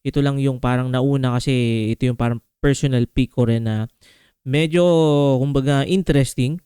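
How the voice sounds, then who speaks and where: A male reaction host talks through a track in loose, slangy chatter, tossing in "men" every few phrases. His voice comes through smooth and resonant at a middle pitch, and the sound is dry and close with no room around it. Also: steady tone, moderate pace, mellow, no room sound. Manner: slangy, peppers talk with "men" and fillers. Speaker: music reaction video host. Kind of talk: casual reaction commentary.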